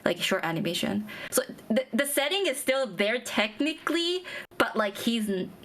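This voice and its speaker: A woman's voice: fairly high pitch, sing-song, moderate pace, fairly bright tone. A young woman streamer in casual chat with friends, explaining at length with lots of fillers and restarts. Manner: rambling, many fillers and restarts.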